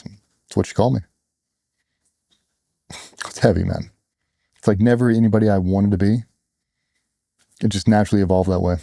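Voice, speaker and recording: A middle-aged man, formerly a Navy SEAL, shares his own story as an interview guest, speaking bluntly and casually and acting out others' words. His lowish voice sounds mellow. The studio recording is clean, with no echo.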